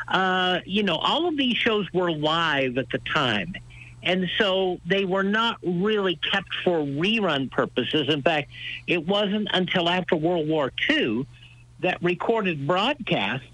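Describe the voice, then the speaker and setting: An older American man, a radio show host appearing as a guest, tells stories during a conversational radio interview in an emphatic, folksy manner. His voice is high, bright and forceful, and the audio quality is poor.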